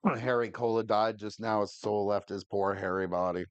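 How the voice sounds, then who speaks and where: A man's voice: on the low side, fairly even intonation, moderate pace, clear, resonant tone, no echo, dull audio. A man, stoned, chatting casually as a livestream co-host in a laid-back, sweary stoner manner. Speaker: co-host of a cannabis podcast.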